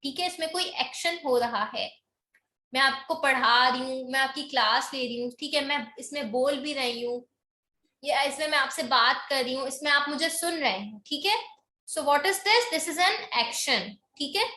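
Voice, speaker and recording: A woman teaching an English grammar lesson online, explaining in Hindi mixed with English, reading definitions slowly and often checking in with "okay?". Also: high-pitched, sharp tone, echoey room.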